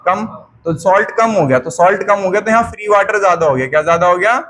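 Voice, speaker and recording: A man's voice: high-pitched, fairly bright tone. A man teaching biology with a raised voice. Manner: drills students with repeated questions and answers; slows down to dictate notes. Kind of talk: classroom lecture. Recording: faint background noise.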